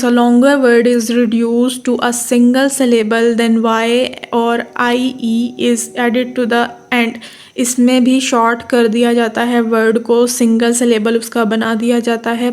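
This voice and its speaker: A woman with a Pakistani accent giving an explanatory lecture, repeating terms, checking with her listeners and reading definitions slowly. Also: a little high. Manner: reads English definitions slowly. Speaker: teacher.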